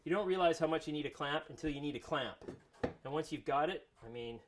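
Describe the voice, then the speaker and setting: A man's voice: fairly high pitch, fast talker. A man giving a casual woodworking tutorial in his workshop, talking easily while he files and sands. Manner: relaxed, talks while working with tools. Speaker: woodworking instructor. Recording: workshop noise under the voice.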